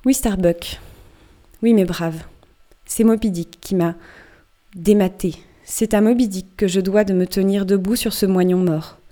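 A raging old sea captain, consumed by vengeance, as a woman reader puts him on. He declaims low and heavy, his voice dark and mellow. Read aloud in storybook style. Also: steady tone, unhurried, close to an everyday voice.

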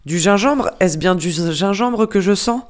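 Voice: medium pitch, normal speed, lightly acted. An audiobook reader voicing a sarcastic, hot-tempered male ship's mate who scolds a steward with mocking questions. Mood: suspicious. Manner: mocking, hammering rhetorical questions. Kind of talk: audiobook character reading.

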